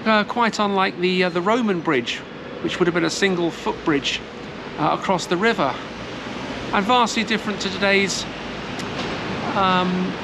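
A woman's voice: on the low side, normal speed. A woman vlogging outdoors in a city churchyard, giving a casual history walking tour with many fillers and restarts, filmed on a handheld camera at arm's length. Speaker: travel vlogger. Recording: loud city background noise.

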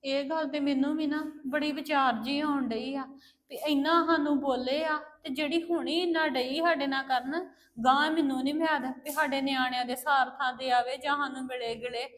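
A woman's voice: high-pitched, fairly even intonation, moderate pace. A woman playing a daughter in a family drama, aggrieved and complaining. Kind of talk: scripted family drama acting.

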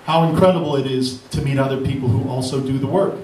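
Speaking fast in a medium, slightly mellow voice, a male beat producer delivers a rambling, thankful, self-deprecating speech on a mic before an audience at a live event. The hall recording is echoey and distant, with slight background noise.

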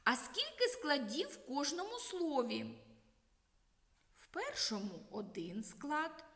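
A woman teaching a children's literacy lesson in a slow, expressive, sing-song teacher voice. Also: sits high. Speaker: primary school teacher. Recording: echoey room with long reverb.

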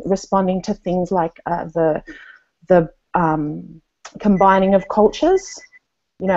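This panel guest is a woman in her thirties from Tonga whose voice sits on the low side with a dark tone. Seated at a desk in a small room, she talks earnestly and thoughtfully on a video call, with many fillers and restarts. Her webcam and earphones yield dull, lo-fi audio.

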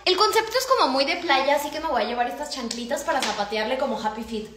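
A woman's voice: fairly high pitch, fast, fairly bright tone, slight background noise. A young Mexican woman chatting in slangy, casual vlog style while doing her makeup. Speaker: vlogger. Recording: echoey room.

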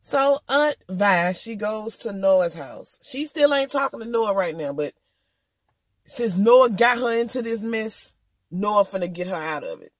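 A woman's voice: medium pitch, animated, a little slow, no room sound. A woman recapping a TV episode in casual, slangy chat, talking candidly straight to her viewers. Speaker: TV episode reviewer.

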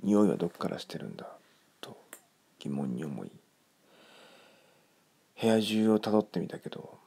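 A man reading a ghost story in a hushed, creepy manner, his gravelly, breathy voice often close to a whisper. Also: sits low, sing-song, moderate pace.

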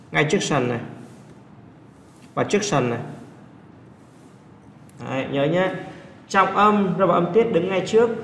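A man's voice: fairly high pitch, fairly bright tone. A male English teacher working through exam answers step by step, often stopping to check that his students follow. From Vietnam. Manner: explains step by step, asks students quick check questions. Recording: echoey room, faint background noise.

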